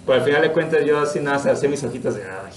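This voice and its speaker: A man with a Mexican accent gives an informal spiritual lesson in an earnest, personal way, laughing often. His voice sits at a middle pitch. The recording has a roomy echo around it. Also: expressive, very fast. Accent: Mexican Spanish. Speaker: religious study teacher.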